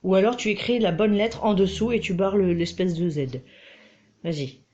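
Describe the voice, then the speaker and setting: A woman's voice: medium pitch, normal speed, dark tone. A woman teaching her child to read at home, patient and coaxing, recorded on a dull, lo-fi mic. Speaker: homeschooling mother. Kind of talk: reading lesson with a child.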